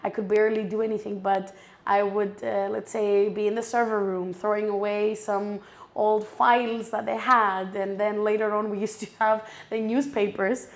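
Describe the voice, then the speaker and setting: A woman's voice: medium pitch, little pitch movement, normal speed. A young woman from Cyprus, a real estate surveyor, co-hosting a casual podcast, talking in a chatty way and laughing often.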